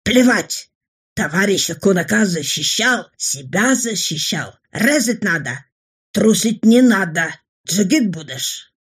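A woman's voice: medium pitch, animated, slow, breathy edge, full character voice. A woman voicing a fearless, jovial adult mountaineer who speaks in broken phrases. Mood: swaggering. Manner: broken speech, bold and jovial. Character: boisterous adult male mountaineer, barber, fearless.

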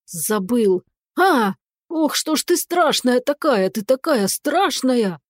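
A woman voicing a hysterical, whiny male talking cat who squeals and pleads in drawn-out wails. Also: fairly high pitch, lively intonation, dry recording, studio quality. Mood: whining complaining.

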